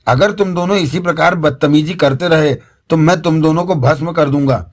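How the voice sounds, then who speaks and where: A man's voice: a little high, normal speed, close to an everyday voice. A man voicing a stern, pompous male jinn who orders his slaves about. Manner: stern, commanding.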